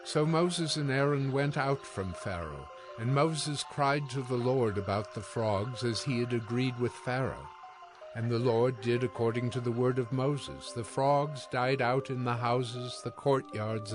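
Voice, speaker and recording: As part of a dramatized reading, a man narrates scripture from a script in a mid-range voice, speaking a little slowly. Music plays behind his voice.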